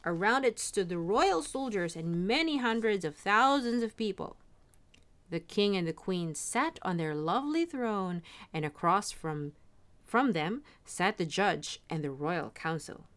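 Expressive woman reading a fairy tale. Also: mid-range voice, a little slow. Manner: expressive, animated storytelling. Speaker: storyteller.

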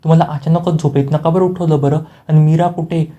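Narrator guy doing a worried young guy saying sorry, quick and flat. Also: on the high side, pitched above the performer's own voice, close to an everyday voice. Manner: worried questioning. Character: young man pleading, anxious and apologetic.

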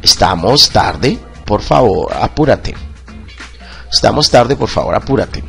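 Gravelly low-voiced male teacher, unhurried. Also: animated, fairly bright tone, soft background music. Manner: repeats each phrase slowly, then translates. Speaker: English teacher. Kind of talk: bilingual vocabulary lesson.

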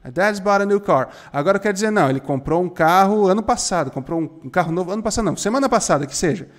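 A young man from Brazil teaches an English grammar point in a relaxed, conversational way. His voice sits a little high for a man, and he keeps the energy up by stressing words and throwing questions at his viewers. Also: rapid-fire. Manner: lively, emphatic, asks the viewer questions often. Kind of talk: casual spoken grammar lesson.

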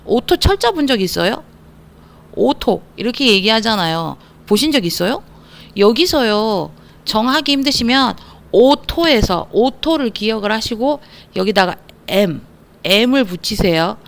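A woman teaching English spelling to young students in an online lesson, playful and energetic, joking as she spells words out slowly. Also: on the high side, vocal fry. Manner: playful, energetic, self-mocking asides; slows down to spell letters out.

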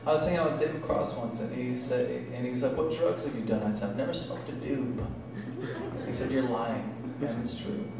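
A poet in his thirties performs live spoken word into a stand-mounted stage microphone in a small club, speaking a little fast in a mid-range voice with some casual banter. The mic is distant and the recording is very noisy, with echoey club PA sound and music behind him.

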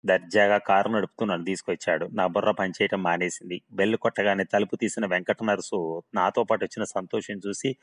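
A man tells a humorous story, reading in a steady, wry way. His voice sits on the lower side and stays even through the narration. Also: brisk.

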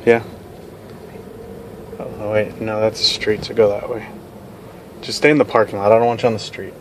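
A man's voice: on the low side, flat delivery, moderate pace. Man coaching like a driving instructor, noisy car. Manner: coaching like a driving instructor, short repeated directions. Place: inside a car in a parking lot. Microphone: handheld camera from passenger seat. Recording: noisy moving car interior.

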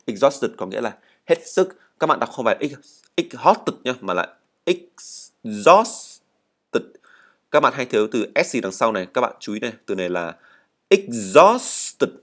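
A man gives a spoken English lesson, explaining in Vietnamese, reading model answers aloud and having students repeat words after him. His voice is lowish and a bit bright, with lively intonation and a quick pace.

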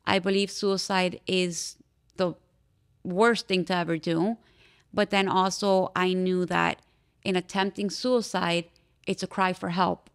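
Candid young woman from Miami, smooth voice. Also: on the low side, level tone. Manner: candid, halting, with frequent fillers and restarts. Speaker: interview guest. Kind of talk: personal testimony in a podcast interview.

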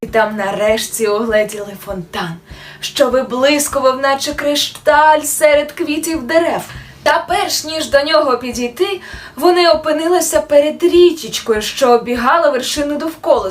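A woman from Ukraine reading a fairy tale aloud in a gentle, expressive way. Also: sits high, normal speed. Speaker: storyteller. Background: soft music.

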